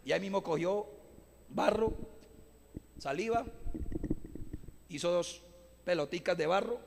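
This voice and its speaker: A man preaching a live sermon, impassioned, swinging from shouts to quiet asides, in a church. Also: high voice, measured pace, creaky, background noise. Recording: live church audio with long reverb.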